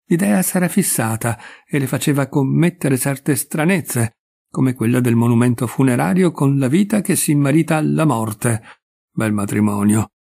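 A man reading a classic short story aloud in a measured, expressive narration. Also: mid-range voice, creaky, slightly rough. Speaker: audiobook reader. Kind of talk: literary narration.

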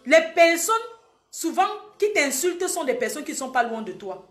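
A young woman with a high voice scolds her live-stream audience and hammers each warning home. She is recorded in an echoey room with faint music behind her. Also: very animated, moderate pace, fairly bright tone. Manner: scolding, emphatic, repeats warnings. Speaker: social media live host. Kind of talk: heated live-stream monologue.

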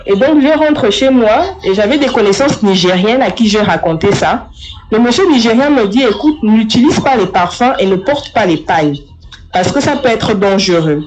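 Addressing the listener directly, a young woman shares her first-person testimony in a lively manner. She talks at normal speed with a medium pitch, on a low-quality recording.

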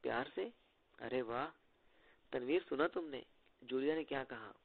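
Bantering young agent, read by a man with a gravelly edge, through a thin phone-like line. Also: medium pitch, a little slow. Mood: joking. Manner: playful, bantering. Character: joking, teasing young male secret agent. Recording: tinny phone-like lo-fi audio.

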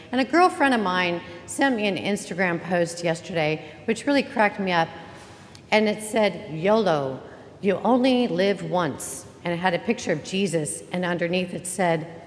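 Woman pastor, casual joking sermon, mid-pitched voice, long church reverb. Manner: chatty, joking, warm welcomes to the congregation. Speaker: interim pastor. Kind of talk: Easter sermon. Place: church sanctuary. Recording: reverberant church hall, faint ambience.

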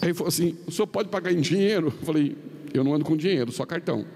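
Middle-aged Brazilian male preacher, fairly high voice, long arena reverb, storytelling sermon. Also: rapid-fire, a little mellow. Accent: Brazilian Portuguese. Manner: tells anecdotes with quoted dialogue, pitch swings up and down. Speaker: pastor. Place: large arena. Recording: long reverb of a large arena, faint noise.

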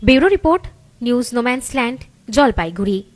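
High, animated Indian Bengali newsreader woman. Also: fast talker. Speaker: news presenter. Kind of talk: scripted news narration.

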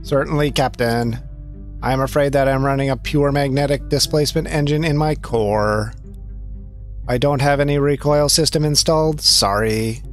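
A man's voice: medium pitch, normal speed, soft background music, lightly acted. A man doing a polite robot ship computer. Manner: dutiful, formal robot voice. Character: calm polite male robot spaceship computer.

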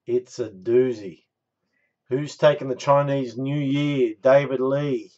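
Slow-paced man calling draws like a bingo caller. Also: medium pitch, steady tone, dark tone, lo-fi sound. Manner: bingo caller calling out numbers and winners with catchphrases. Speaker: host of a live trading card break. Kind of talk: live card-break commentary with bingo-caller style draws. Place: small indoor room stacked with boxes.

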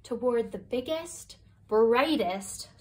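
A woman reading a children's picture book aloud as a bedtime story, slow and expressive, her voice a bit distant from the mic. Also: fairly high pitch. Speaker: storybook reader.

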